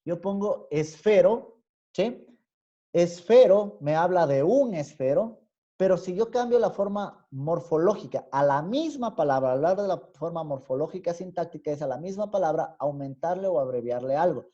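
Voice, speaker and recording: A man with an Ecuadorian highland accent lectures in an online class in a mellow, darker voice. He explains patiently and often stops on a rising "¿sí?" to check that students follow. The audio is dull and lo-fi, as from a video call. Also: expressive, normal speed. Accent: Ecuadorian highland Spanish. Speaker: university teacher. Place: home room on a video call. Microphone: computer mic on a video call.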